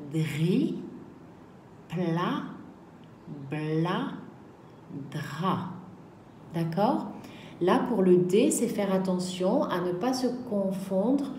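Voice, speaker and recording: A woman teaching a reading lesson to young children, sounding out each syllable slowly and carefully. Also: medium pitch, darkish tone. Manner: slow, carefully articulated syllables. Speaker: primary school teacher. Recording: echoey room, faint background noise.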